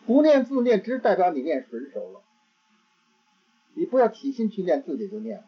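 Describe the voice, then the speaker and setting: Halting man giving a dharma talk. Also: high-pitched, very animated, slightly rough. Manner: halting, repeats words while searching for phrasing. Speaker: Buddhist teacher. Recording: dull lo-fi recording.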